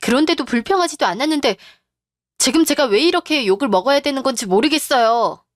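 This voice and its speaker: A woman's voice: sits high, animated, fairly quick, dry recording, clean studio sound. A woman voicing a young wife who answers her mother-in-law politely but firmly in a radio drama. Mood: indignant. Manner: polite but firm, formal speech.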